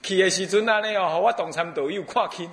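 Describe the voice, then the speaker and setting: A man with a Taiwanese Mandarin accent, a Buddhist abbot giving a dharma lecture with lively, humorous storytelling. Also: high-pitched, fast talker.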